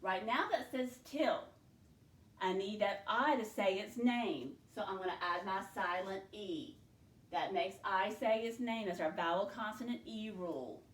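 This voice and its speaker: A woman teacher leading a spelling lesson, slowly and clearly sounding out syllables and letters for her students. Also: mid-range voice, reverberant. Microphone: in front of a whiteboard.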